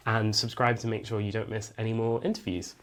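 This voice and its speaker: Guy hosting a design chat, rapid talker, supportive, keeps saying yeah. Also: lowish voice, level tone. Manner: encouraging, lots of quick agreement. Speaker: host. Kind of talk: casual interview chat.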